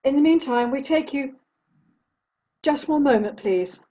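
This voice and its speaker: Actress as female radio bulletin announcer, husky, fairly high voice, formal, composed, grave, slightly dull lo-fi recording. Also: animated, mellow. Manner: formal, measured delivery. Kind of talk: scripted radio drama news bulletin.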